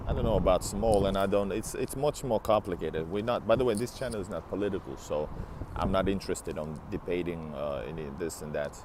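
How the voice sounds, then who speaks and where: A man's voice: sits low, brisk, few pauses, noisy background. A man in his thirties, live-streaming on foot outdoors through an earbud headset mic, chatting to viewers in a rambling way with many restarts, sounding tired. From Latvia and Finland. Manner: rambling, restarts often, talks back to chat. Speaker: live-streaming travel vlogger. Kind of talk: casual live stream chat answering viewers. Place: outdoors on a city street beside a large building. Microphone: wired earbud headset, phone held at arm's length.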